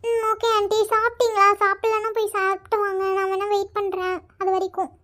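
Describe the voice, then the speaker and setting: Squeaky chatty cartoon college girls. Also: monotone, brisk, a bit bright, no echo. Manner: chatty, teasing. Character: chatty teenage college girl friends. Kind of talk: cartoon voice acting.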